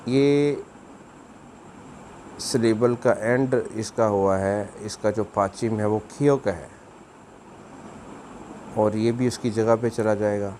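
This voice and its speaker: A man's voice: fairly low pitch, fairly even intonation, takes it slowly, warm tone, slight background noise. A man, giving a video language lesson, explaining patiently and repeating words for practice. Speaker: language teacher.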